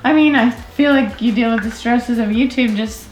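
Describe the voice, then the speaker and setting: A woman in her twenties, a family vlogger, chatting casually to camera and sometimes lifting into a high sing-song voice for her toddler. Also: normal speed. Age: 20s. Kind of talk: casual vlog chat. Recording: roomy home recording with faint music.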